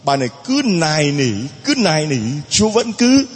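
A male priest preaches dramatically, swinging his voice far up and down on each emphatic point. His tone is slightly husky, and a long reverb rolls through the church around him. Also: high-pitched, sing-song, moderate pace. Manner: dramatic, emphatic, rhetorical questions. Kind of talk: sermon.

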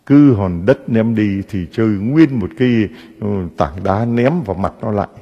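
Husky-voiced priest preaching in a reverberant church. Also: male voice, on the low side, moderate pace, highs cut off. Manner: animated preaching with rhetorical questions to the congregation. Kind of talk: sermon.

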